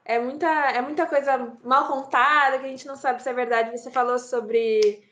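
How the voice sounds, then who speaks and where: Young woman asking rambling, high-pitched questions. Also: fairly even intonation, normal speed, a bit bright. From Brazil. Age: young adult. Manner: thoughtful, rambling questions with restarts. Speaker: student podcast host. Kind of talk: interview questions.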